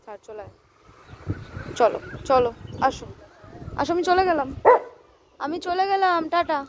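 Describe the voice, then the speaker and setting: A woman with a high, light voice scolds and coaxes her dog during a walk outside. She repeats short commands again and again. The outdoor phone recording has clear background noise and dog sounds. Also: animated, moderate pace. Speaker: dog owner. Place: outdoors on a street.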